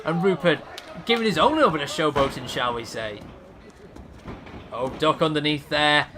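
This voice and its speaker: A man calling wrestling moves in steady play-by-play commentary. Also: fairly high pitch, normal speed. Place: wrestling event with live crowd. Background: crowd noise.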